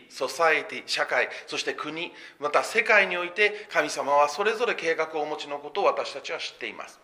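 Male pastor, sermon delivery, fairly high and bright, lively rise and fall, explanatory preaching manner. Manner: expressive preaching with sweeping pitch and emphatic phrases; explanatory, asks and answers his own questions.

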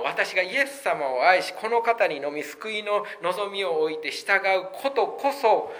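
Bright-voiced male pastor preaching. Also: sits high. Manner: emphatic preaching with rhetorical questions. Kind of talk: sermon.

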